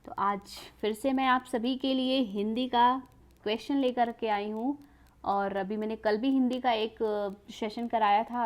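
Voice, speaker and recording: A woman's voice: mid-range voice, a little mellow. A woman teacher explaining exam questions to students, repeating each question and answer and asking rhetorical questions, words into her speech.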